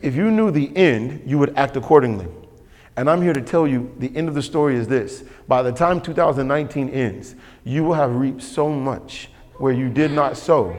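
In a church sanctuary, a man with a darkish, mid-range voice delivers a sermon at normal speed. As pastor he is emphatic and repetitive, prompting the congregation to respond. The recording carries a long hall reverb.

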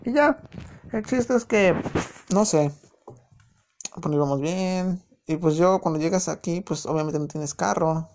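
A man's voice: on the high side, a little slow, long pauses, darkish tone, slight background noise. A young man from Mexico City with a chilango accent, casually telling a personal story in a chatty, joking way full of slang fillers. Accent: Mexico City Spanish. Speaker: podcast host.

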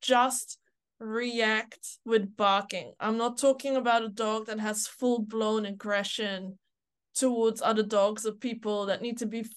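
A woman dog trainer co-hosting a podcast in casual chat, emphatic and quick to agree, often quoting dogs and owners aloud. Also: fairly high pitch, steady tone, smooth.

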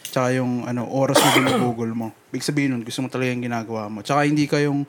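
A man co-hosting a casual podcast, explaining his views at length in a relaxed, reflective way. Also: medium pitch, very fast, very noisy. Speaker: podcast co-host.

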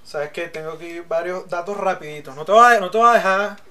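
A man's voice: high voice, a little fast, bright, forceful tone. A man with a Venezuelan accent, co-hosting a casual podcast and reeling off trivia facts in chatty banter. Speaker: podcast co-host.

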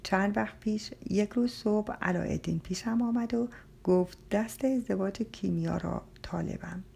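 A woman voicing a kind, fatherly older male spiritual master in a storybook reading, speaking gently and affectionately. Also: mid-range voice, creaky, husky. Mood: gentle. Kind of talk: audiobook character voice.

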